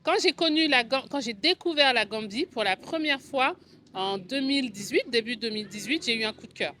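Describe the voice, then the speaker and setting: Amid slight background noise, a fairly high, brisk, bright and forceful voice tells a personal story to camera. She is a French woman in her forties with a French accent, a video channel host and agency co-founder, explaining conversationally in vlog style.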